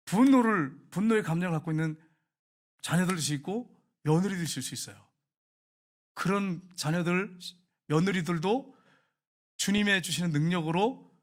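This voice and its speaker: A middle-aged man preaching a sermon as pastor, telling a story and acting out quoted lines with sudden loud rises and hushed drops. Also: a little high.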